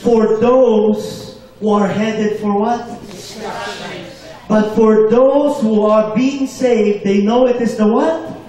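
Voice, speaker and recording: Male preacher, high voice, call-and-response delivery, booming church echo, distant mic. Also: steady tone, takes it slowly, mellow. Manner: call-and-response, asks for amens. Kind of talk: sermon. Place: church hall. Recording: very echoey hall, mic far off.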